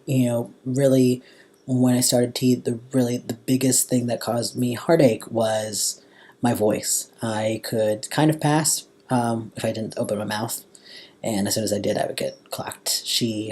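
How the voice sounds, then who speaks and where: A young American man with a slightly husky voice and a valley girl way of talking, chatting casually in a personal vlog. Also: mid-range voice, warm tone. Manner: valley girl inflection, drawn-out casual phrasing. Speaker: vlogger.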